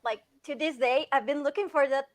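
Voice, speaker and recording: High-voiced, giggly young woman. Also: brisk, low-quality recording. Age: 20s. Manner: chatty, laughs often, many restarts and fillers. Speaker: guest filmmaker. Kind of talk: casual podcast interview.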